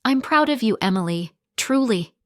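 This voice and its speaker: A woman voicing a middle-aged mother in a storybook narration, speaking softly and hesitantly with a warm pride. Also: a little high, expressive, moderate pace, no room sound, clean studio sound, pitched above the performer's own voice, natural voice. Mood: soft proud. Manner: soft and hesitant, then warmly proud.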